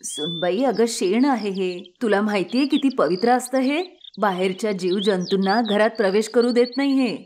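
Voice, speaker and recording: A woman voicing a gentle, patient old village mother-in-law who speaks softly and slowly. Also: medium pitch, a little hiss or hum, lightly acted. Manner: soft, slow and soothing.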